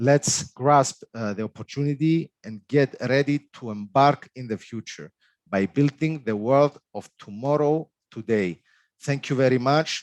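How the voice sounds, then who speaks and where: A man giving formal opening remarks at a webinar, reading smoothly but stumbling when he goes off script. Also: medium pitch, dry recording, studio quality. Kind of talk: formal speech.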